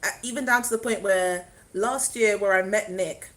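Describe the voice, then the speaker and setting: A woman's voice: mid-range voice, normal speed, low-quality recording. Chatty young woman live-streaming. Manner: chatty, rambling, reads out viewer comments. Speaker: spiritual vlogger doing a live stream. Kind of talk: casual live-stream chat to viewers.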